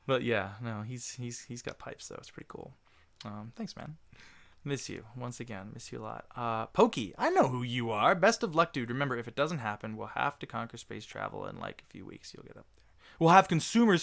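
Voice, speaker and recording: Reading viewer messages out loud, a livestream host answers his chat in a loose, casual Q&A. His fairly high-pitched voice sounds gravelly and a bit bright.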